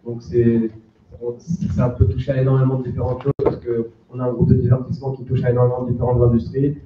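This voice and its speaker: Male producer, flat intonation, unscripted panel intro; echoey room recording. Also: medium pitch, quick pace. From south of France. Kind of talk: informal self-introduction on stage. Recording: echoey, distant, dull, faintly noisy.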